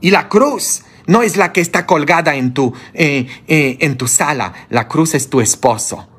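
Blunt, slow-preaching priest. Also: male voice, lively intonation, fairly bright tone, slightly rough. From Poland. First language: Polish. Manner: blunt, scolding, rhetorical questions, sudden high outbursts. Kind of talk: sermon.

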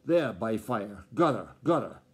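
A snappish old farmer grandfather with a rustic country twang, as a father puts him on reading aloud. His voice is mellow and low-lit rather than bright, and he scolds and hustles in a storybook scene. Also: normal speed, husky. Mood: eager.

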